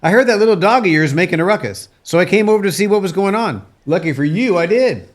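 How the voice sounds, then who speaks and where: Male actor for kindly rural rancher in family drama: folksy old-prospector manner, plain-spoken, very animated intonation. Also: sits high, fast. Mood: friendly, curious. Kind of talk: acted family film dialogue.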